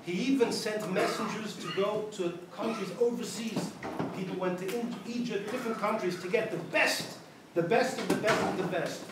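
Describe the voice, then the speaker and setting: Animated rabbi telling a story in an echoey synagogue hall. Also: male voice, sits high, moderate pace, hardly any pauses. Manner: animated storyteller, acts out quotes, Yiddish words mixed in. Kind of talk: storytelling talk at a gathering. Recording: very echoey hall, distant mic, noisy.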